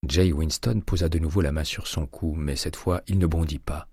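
A man narrating a crime novel audiobook in a measured, dramatic reading. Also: very deep voice, fairly even intonation, a little mellow, breathy edge, no echo, studio quality.

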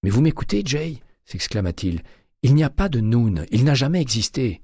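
A man's voice: low voice, moderate pace, darkish tone, breathy edge, no room sound, clean studio sound. A man voicing a shaken male investigator in an audiobook, agitated and insistent. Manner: agitated, insistent, rising to exclamations. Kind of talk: audiobook character reading.

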